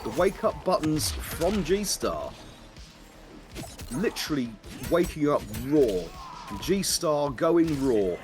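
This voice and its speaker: A man's voice: a little high, sing-song, takes it slowly, pauses often, over music. A man giving color commentary on a fighting game match, wry and joking, full of technical analysis.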